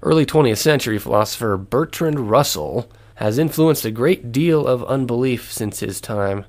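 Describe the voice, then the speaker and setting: A man giving a scripted lesson, reading in a measured, earnest way. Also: medium pitch, lively intonation, darkish tone. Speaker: lecturer. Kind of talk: scripted narration.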